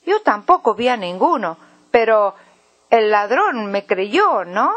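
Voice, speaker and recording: A brave, quick-witted young boy from a storybook, speaking calm and sure of himself, as a woman voices him. His voice sits fairly high and he takes his time. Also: lo-fi sound, exaggerated voice.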